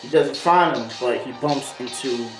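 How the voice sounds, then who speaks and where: Mid-range in pitch and moderate in pace, a man hosting a video tells a rambling, casual story in slang, improvising and wandering off track. Behind him is a music beat, and the sound carries a roomy echo.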